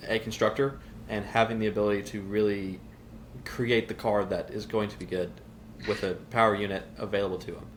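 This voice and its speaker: A man's voice: on the low side, fairly even intonation, a little fast, a little hiss or hum. A man with a Southern US accent, a podcast co-host who argues his points firmly and at length in a casual debate.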